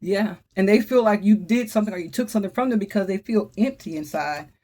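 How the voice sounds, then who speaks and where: A woman's voice: medium pitch, fast talker, mellow. A woman giving a casual spoken tarot reading, talking straight to her viewers in a chatty, emphatic way and often exclaiming. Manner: talks straight to viewers, calls on the Holy Spirit. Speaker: tarot reader.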